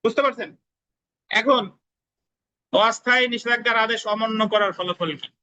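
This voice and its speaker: A law tutor with a Bangladeshi Bengali accent gives a classroom lecture in a very high-pitched, pushed and bright voice at normal speed. He repeats key points, asks students whether they understand, and dictates spellings letter by letter. The audio is poor.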